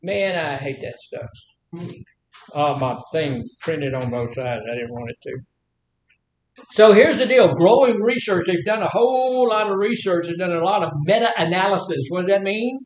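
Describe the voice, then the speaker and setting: An older Southern man from Mississippi teaches a group in a folksy, repetitive way, with a fairly high-pitched voice. He speaks in an echoey room with faint noise behind him. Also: lively intonation, moderate pace. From Mississippi, United States. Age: 70s. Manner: folksy, repeats phrases, asks rhetorical questions. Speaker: group leader giving a spirituality talk. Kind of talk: informal teaching talk to a group.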